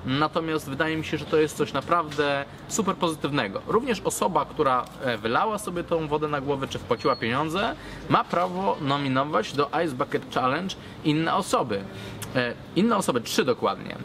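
A man in his thirties from Poland talks casually to camera as a vlogger, with a hesitant, halting delivery, recorded outdoors. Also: fairly high pitch, lively intonation. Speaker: cigar blogger, vlogger. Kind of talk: casual vlog talk to camera. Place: outdoors at a garden table by a brick wall. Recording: clear outdoor urban background noise.

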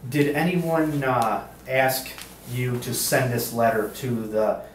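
Halting man on an old interrogation tape. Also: medium pitch. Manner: halting, with many uhs and ums. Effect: interrogation-room tape recording. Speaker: state police investigator. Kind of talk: formal interrogation. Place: police interview room. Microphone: fixed room camera mic. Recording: roomy, distant, faint hiss.

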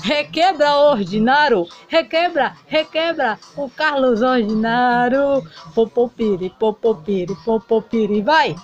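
A woman's voice: a little high, unhurried, highs cut off, faint music behind, close to an everyday voice. A woman voicing a heartbroken male doll singer in a toy play video, melodramatic and sing-song. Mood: showy singing.

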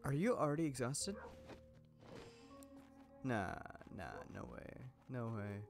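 A man's voice: medium pitch, sing-song, slow pace, music in the background. Man, young adult, casual gameplay commentary, rambling, laughs a lot, slightly sick. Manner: rambling, chatty, laughs often, many fillers and restarts. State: a little sick. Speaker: gaming YouTuber.

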